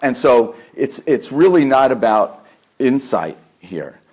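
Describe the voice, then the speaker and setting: With a sing-song, medium-pitched voice that's a little mellow and breathy, a New York–accented family therapist talks at a live meditation center workshop. He keeps a measured, earnest delivery and repeats key phrases for emphasis.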